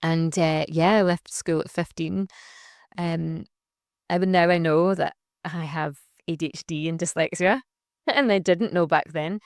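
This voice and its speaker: A woman's voice: sits low, fairly even intonation, measured pace, dry recording, studio quality. A young adult woman, a social enterprise founder talking reflectively in a casual interview, with plenty of fillers and restarts. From Scotland.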